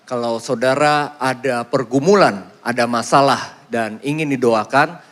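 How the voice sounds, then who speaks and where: A man's voice: mid-range voice, a little slow, fairly bright tone. A man hosting a church service, encouraging the congregation and making announcements after the sermon. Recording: long hall reverb.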